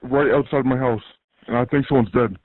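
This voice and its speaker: A man on an emergency phone call, his voice distorted and robotic as if run through a voice changer. He speaks haltingly, with many fillers. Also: medium pitch, fairly even intonation, no echo. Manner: hesitant, halting, filler-heavy. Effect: distorted, robotic voice-changer sound. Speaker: 911 caller. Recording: tinny phone-line emergency call recording.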